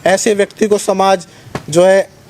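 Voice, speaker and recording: A man speaking as a religious organisation's spokesman at a press conference, in a forceful, combative preaching tone. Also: high-pitched, little pitch movement, a little slow, a little hiss or hum. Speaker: Arya Samaj spokesman.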